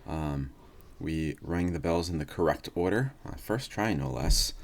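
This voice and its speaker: A man hosting a casual let's-play, musing aloud in an unhurried way and reading out game text. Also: rumbling low, expressive. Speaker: gaming host. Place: indoors, seated at a computer. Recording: faint noise, chair creaks. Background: creaking chair, faint background noise.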